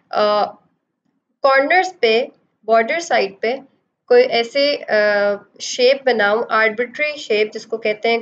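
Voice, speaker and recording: A woman giving a screen-recorded design software tutorial, explaining each step and slipping English phrases into her talk. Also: a little high. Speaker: design instructor. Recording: dull lo-fi voice-over.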